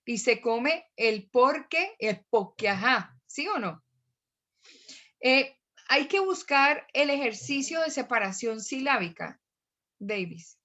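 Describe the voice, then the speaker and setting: A woman teaching an online class, chatty and animated, often checking in with her students. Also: high voice, slow.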